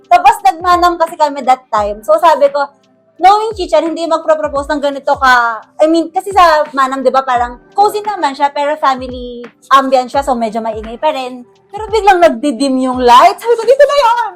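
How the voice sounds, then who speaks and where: A woman's voice: high voice, a little fast, faint music behind. A young Filipino woman animatedly telling the story of her proposal, acting out what she said. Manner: animated, acts out her own quoted lines. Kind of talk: casual storytelling.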